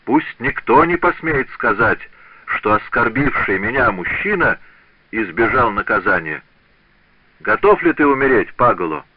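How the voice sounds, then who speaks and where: A man's voice: mid-range voice, big pitch swings, unhurried, dull audio, a little hiss or hum. A man voicing a menacing middle-aged master craftsman who threatens coldly without raising his voice. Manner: quiet, cold threats.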